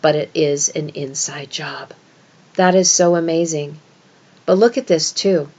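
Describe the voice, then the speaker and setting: A woman's voice: low-pitched, a little slow, darkish tone. A woman giving an esoteric scripture lesson as a religious teacher, explaining in an instructive way and stressing key words.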